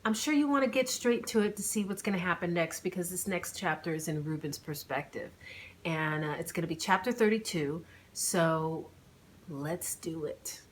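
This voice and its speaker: There's slight background noise as a woman with a fairly low voice speaks at normal speed with lively intonation. She's both author and channel host, chatting informally in a vlog opening before narrating her novel audiobook-style.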